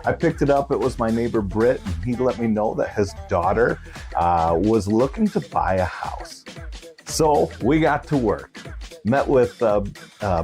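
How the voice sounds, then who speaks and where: A man's voice: lowish voice, a little mellow. A man hosting bingo in a casual, folksy, upbeat and chatty way, calling numbers between stretches of talk. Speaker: bingo host. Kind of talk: casual bingo caller and host chat.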